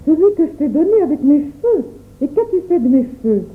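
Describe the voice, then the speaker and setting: A woman playing a stern, quick-tempered mother who scolds in an imperious way. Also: sits high, very animated. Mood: furious. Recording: tinny phone-like sound, roomy echo.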